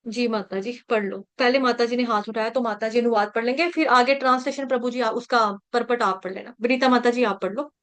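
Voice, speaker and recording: A woman's voice: fairly high pitch, fairly even intonation, fairly quick, few pauses, a bit bright. A woman teaching an online scripture class, patiently breaking verses into syllables and chanting them for students to repeat. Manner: patient, coaching pronunciation syllable by syllable.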